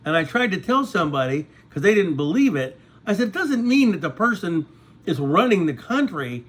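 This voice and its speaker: In a casual, wandering monologue, a sixty-something male vlogger addresses his viewers, frequently stopping to ask "okay?" to make sure they're with him. His voice sits high and is a bit bright and slightly rough, with big pitch swings at a normal speed.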